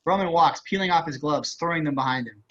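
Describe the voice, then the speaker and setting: Reading screenplay action aloud as narration, a man talks fast in a slightly high, somewhat bright voice. The video-call audio is slightly muffled.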